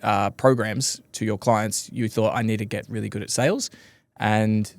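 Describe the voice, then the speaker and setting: A man hosting a podcast interview, relaxed and chatty, dropping lots of "yeah" and "you know". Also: on the low side, normal speed, no echo. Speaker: podcast host. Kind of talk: casual interview chat.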